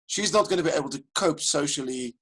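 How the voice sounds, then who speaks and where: A man's voice: a little high, fast talker, husky, low-quality recording. A man teaching a live online coaching webinar, talking straight to his audience and counting them in. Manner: animated, addresses audience directly, counts them in. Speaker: life coach and webinar presenter. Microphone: video call.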